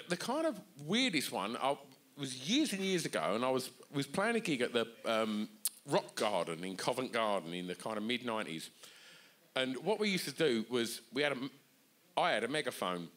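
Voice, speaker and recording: A man co-hosting a live podcast in a bar, telling stories with lots of swearing and acted-out shouts. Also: mid-range voice, normal speed. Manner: animated, sweary, acts out voices in stories. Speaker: podcast co-host. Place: bar venue with live audience.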